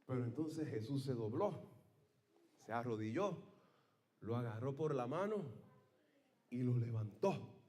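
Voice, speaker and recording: A man pastor preaching a sermon, telling the story dramatically with loud outbursts and hushed asides, calling the congregation for amens. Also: mid-range voice, expressive, a little slow, long pauses.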